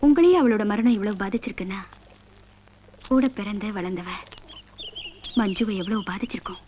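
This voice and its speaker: An actress playing a kind woman calmly consoling a troubled man. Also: mid-range voice, moderate pace, slight background noise, close to an everyday voice. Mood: reassuring. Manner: calm, reassuring. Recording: dull film soundtrack with faint music.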